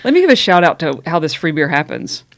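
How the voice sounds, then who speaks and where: A woman race director co-hosting a casual podcast from an office, upbeat and quick to laugh. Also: low voice, very animated, vocal fry, no echo. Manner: upbeat, laughs often, enthusiastic.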